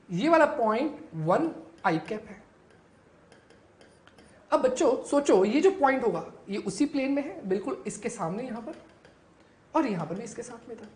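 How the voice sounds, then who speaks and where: A woman's voice: fairly high pitch, echoey room. A woman teaching a physics lesson to students, asking questions and answering them herself.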